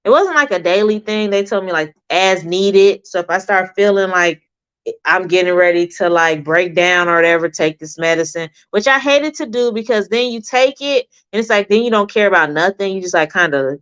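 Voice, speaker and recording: A woman's voice: mid-range voice, animated, moderate pace, fairly bright tone, clear, resonant tone. Candid woman chatting on a livestream. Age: 30s. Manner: candid, rambling storytelling with many fillers. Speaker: livestream host. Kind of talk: casual personal livestream chat. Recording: dull lo-fi livestream audio.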